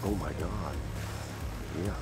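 A man with a Southern US accent, talking excitedly to viewers while fishing from a creek bank, recorded on a head-mounted camera. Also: low-pitched, slow, over loud music. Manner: excitable, exclaiming over catches, talking to viewers. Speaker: fishing vlogger. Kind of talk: casual outdoor commentary while fishing.

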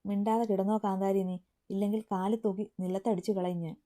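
A woman's voice: mid-range voice, flat delivery, brisk, mellow, close to an everyday voice. A woman reading the lines of a bossy, teasing young man in a family story, in a firm, scolding way. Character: bossy teasing young man, playful older-brother type.

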